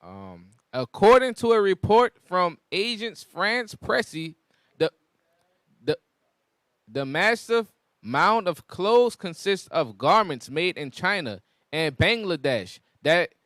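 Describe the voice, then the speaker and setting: A man reading news aloud for a group discussion, somewhat halting, with casual asides. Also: sits high, sing-song, a bit bright, no room sound, clean studio sound. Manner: halting reader, stumbles over words. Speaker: article reader on a group discussion show.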